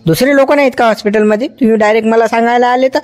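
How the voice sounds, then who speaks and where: A man's voice: very high voice, steady tone, very fast. A man playing a self-important hospital doctor in a comedy sketch, reassuring relatives and scolding staff. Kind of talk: village comedy sketch acting.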